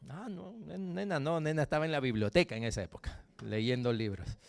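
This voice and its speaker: A Peruvian man preaching a sermon as pastor, animated and jokey, often checking in with the congregation. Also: a little high, a little fast, gravelly. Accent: Peruvian Spanish. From Peru. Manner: animated, jokey, frequent tag questions to the congregation.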